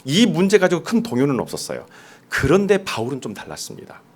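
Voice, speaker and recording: A male pastor delivers a sermon in a lively, swooping voice that sits a little high for a man. He speaks to his congregation in a conversational way, often asking them direct questions. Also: quick pace, husky. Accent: mostly standard Seoul Korean, dialect suppressed. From Jeolla, South Korea.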